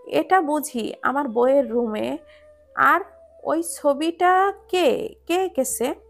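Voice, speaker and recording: A woman's voice: sits high, takes it slowly, faint music behind, full character voice. A woman voicing a hot-tempered young husband. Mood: teasing. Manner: gruff, scolding. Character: young adult man, hot-tempered, scolding newlywed husband.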